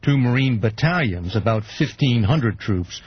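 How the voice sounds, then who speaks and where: A male news correspondent reading a measured, factual report, heard over AM radio. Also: mid-range voice, lively intonation, breathy edge, dry recording. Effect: AM radio broadcast sound. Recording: lo-fi AM radio broadcast.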